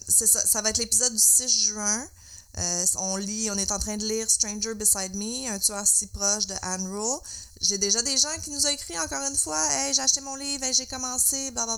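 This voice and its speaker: A woman's voice: medium pitch, a bit bright. A young woman with a Québécois accent co-hosting a podcast, chatting casually and rambling with fillers and English words. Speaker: podcast co-host. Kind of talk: casual chat.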